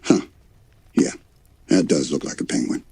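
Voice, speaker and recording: A man's voice: a little slow, mellow, no room sound, close to an everyday voice. A man voicing a timid, worrying, sweet male panda in a bedtime story, hesitant and wry. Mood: surprised.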